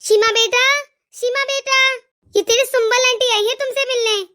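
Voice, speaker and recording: A woman voicing an older mother in an animated moral story, doting and full of blessings. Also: extremely high pitch, normal speed. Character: older mother, affectionate to her daughter.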